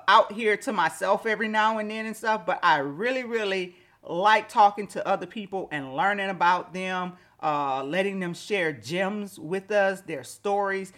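A woman's voice: medium pitch, fairly bright tone. A woman hosting a solo podcast, talking casually and reflectively to listeners, with slightly slushy ch and sh sounds from wearing a retainer. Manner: conversational, reflective, addresses listeners directly. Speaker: podcast host. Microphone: microphone with pop filter and windscreen.

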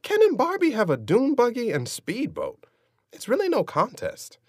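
A man's voice: very high voice, huge pitch swings, moderate pace, darkish tone, slightly rough, no room sound, studio quality, pitched above the performer's own voice, full character voice. A man voicing a blunt, cocky young boy in an audiobook reading. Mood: cocky, explaining.

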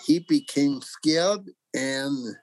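A narrator and host reading a scripted children's story and facts in a theatrical, deliberate way. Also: medium pitch, noisy background.

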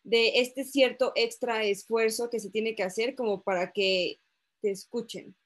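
A woman's voice: a little high, steady tone, a little slow. A woman moderating a panel discussion, circling her questions with many fillers. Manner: hesitant, lots of fillers.

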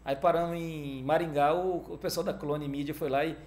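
A man telling a story in a casual interview, animated and peppered with "cara", acting out the other voices in it. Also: on the high side, normal speed. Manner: animated, fills talk with "cara", acts out quoted dialogue. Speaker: guest, music manager.

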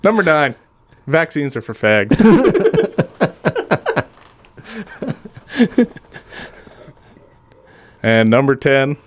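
A man co-hosting a podcast, reading out a comedy list with dry, deadpan delivery. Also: fairly high pitch, extremely slow, pauses often, no echo. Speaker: podcast co-host.

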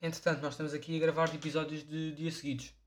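A young man with a European Portuguese accent, co-hosting a podcast in quick, jokey banter full of slang. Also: fairly high pitch, flat delivery, a little hiss or hum. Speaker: podcast co-host. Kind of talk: casual chat.

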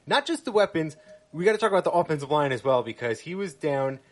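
A man's voice: on the high side, expressive, fast. A man co-hosting a casual sports podcast, listing details and cracking dry jokes. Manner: analytical, wry. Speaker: podcast co-host.

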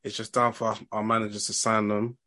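Slangy and relaxed, a male podcast host with a London roadman accent leads a casual football conversation. He talks a little fast in a lowish, bright, forceful voice with little variation in pitch.

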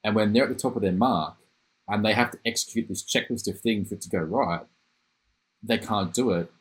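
A man's voice: fairly low pitch, fairly quick, breathy edge, low-quality recording. A man hosting a casual podcast interview, talking enthusiastically and rambling, often restarting his phrases. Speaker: podcast host.

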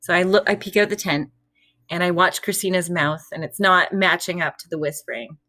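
A woman's voice: fairly low pitch, fairly quick, bright, forceful tone, no room sound. Giggly young woman telling a spooky tale. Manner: giggly, laughs between sentences. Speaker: storytelling guest. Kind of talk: casual spooky storytelling.

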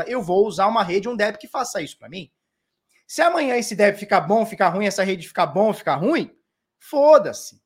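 A man in his thirties from Brazil talking casually to viewers about crypto, rambling and swearing freely. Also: sits high. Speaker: crypto commentator.

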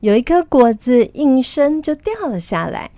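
A woman reads a children's story aloud with lively expression, her voice rising and falling a great deal. Her pitch sits a little high, and the recording is dry and close. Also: measured pace, no echo. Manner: animated, expressive.

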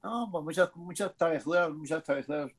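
A man's voice: a little high, brisk, breathy edge. A man with a Mexican accent, a guest speaking hesitantly with many fillers. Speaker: guest, former boxer. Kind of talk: casual interview chat.

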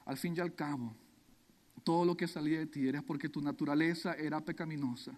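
A preacher putting on a heartbroken biblical husband who pleads with earnest devotion. The voice sits high for a man and rings with a long hall echo. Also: steady tone, fairly quick, darkish tone, natural voice. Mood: tender.

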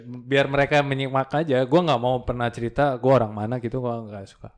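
A young man from Korea chats casually as a guest, speaking softly and haltingly. His pitch sits in an ordinary middle range, and he often pauses and hedges before he answers. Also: steady tone. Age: young adult. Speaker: podcast guest. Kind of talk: casual chat.

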